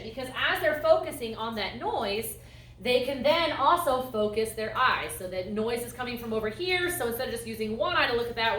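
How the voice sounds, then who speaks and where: A woman instructor giving a calm, explanatory lecture on horses, acting out voice tones as she goes. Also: fairly high pitch, a little hiss or hum. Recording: echoey room, mic at a distance.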